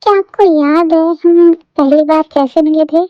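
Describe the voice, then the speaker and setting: A woman's voice: sits high, flat delivery, normal speed, no room sound, lightly acted. A woman voicing a bossy pouting young wife. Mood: scolding. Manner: scolding, pouty, dramatic. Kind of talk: fan audio story. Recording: dull lo-fi dry recording.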